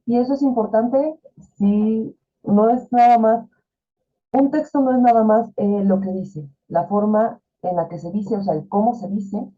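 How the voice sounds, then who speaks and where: A woman teaching an online class, explaining in a chatty way with fillers and rhetorical questions. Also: medium pitch. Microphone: video call. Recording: tinny phone-like video call audio.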